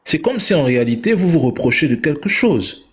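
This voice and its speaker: A man hosting a live talk show, speaking in a measured, reflective way. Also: fairly high pitch, very animated, slight background noise. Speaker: host.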